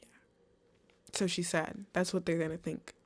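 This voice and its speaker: A woman's voice: lowish voice, level tone, normal speed. A young woman casually giving college essay advice, chatty and full of "like"s and restarts. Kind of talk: casual advice talk to camera.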